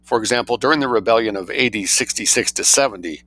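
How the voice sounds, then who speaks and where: A man with a fairly low, bright and forceful voice reads scholarly writing aloud. He delivers it like dictation, voicing the citations and punctuation of quotations along with the text. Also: quick pace. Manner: dictating, speaks quote marks, citations and spellings aloud. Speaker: narrator reading a scholarly book aloud.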